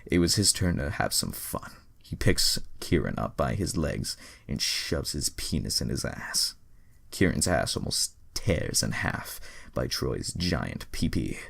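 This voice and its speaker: His bass voice is creaky yet a bit bright as he performs a mock-dramatic reading of a crude fan fiction story. Acting as both reader and commentator, the man casually interrupts himself with exasperated, foul-mouthed remarks.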